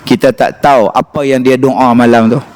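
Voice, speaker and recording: A man's voice: medium pitch, normal speed. A man with a northern Malaysian Malay accent, giving a humorous lecture in a mosque and acting out the voices in his stories. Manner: animated storytelling, acts out voices. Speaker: preacher.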